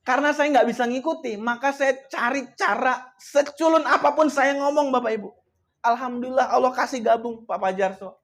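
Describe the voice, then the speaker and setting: A man with an extremely high-pitched voice coaches an audience through a motivational speech at a moderate pace, telling stories and speaking to listeners directly. He swings between hushed, soft passages and loud, emphatic outbursts, with frequent devout exclamations.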